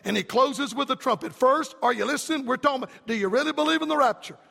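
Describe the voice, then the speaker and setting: A man preaching a fiery revival sermon in an emphatic, rhythmic cadence that climbs to shouts. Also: very high-pitched, quick pace, vocal fry, big-room sound.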